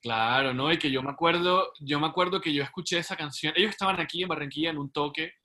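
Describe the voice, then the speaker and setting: A man's voice: fairly high pitch, fast, sharp tone. A man hosting a casual interview, an enthusiastic fan who stumbles through restarts as he asks questions.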